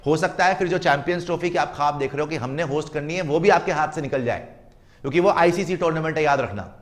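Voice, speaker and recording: A man's voice: on the high side, fast. A man giving opinionated, emphatic cricket commentary, lecturing his listeners and mocking the other side.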